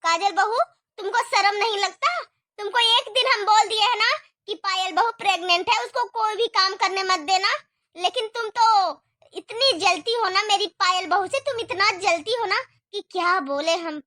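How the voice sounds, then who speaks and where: A woman's voice: very high-pitched, moderate pace, no echo, studio quality. A woman voicing a nagging, taunting middle-aged mother-in-law in a cartoon story. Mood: accusing. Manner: sharp, taunting, complaining.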